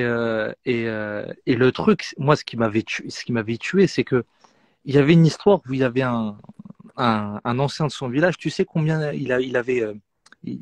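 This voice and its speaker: A man on a live stream, telling an animated anecdote in casual chat. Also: mid-range voice, dry recording.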